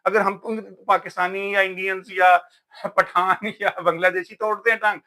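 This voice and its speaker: A Pakistani man vlogs casually about books, his high-pitched voice bright and pushed yet level in tone. He's emphatic and a bit preachy, dropping "yaar" again and again.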